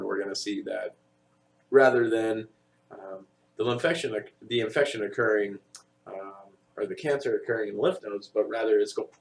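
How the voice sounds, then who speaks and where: Gravelly low-voiced man lecturing. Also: darkish tone. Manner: conversational, many fillers and tag questions. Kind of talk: recorded audio lecture.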